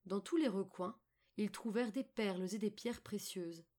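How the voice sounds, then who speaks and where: Woman calmly narrating a fairy tale. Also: mid-range voice, moderate pace. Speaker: audiobook reader. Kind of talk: storybook narration.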